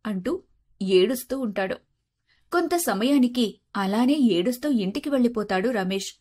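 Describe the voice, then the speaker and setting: A woman narrating an animated moral story in a steady, plain storytelling manner. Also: a little high, moderate pace.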